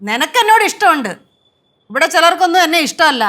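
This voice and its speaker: A woman's voice: extremely high pitch, very animated, quick pace, fairly bright tone, heavily acted. An actress playing an older grandmother in a family sitcom who complains, sulks and gets defensive whenever she is scolded. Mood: sulking. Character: touchy old grandmother, quick to take offence. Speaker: grandmother and wife. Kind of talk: sitcom acting.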